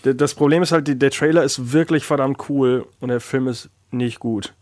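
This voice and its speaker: A man co-hosting a casual chat about films, talking in a rambling, joking way full of filler sounds. His voice sits at an ordinary middle pitch. It is recorded close and dry, with no room around it. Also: fairly even intonation, normal speed, a little mellow, no echo. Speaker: podcast co-host.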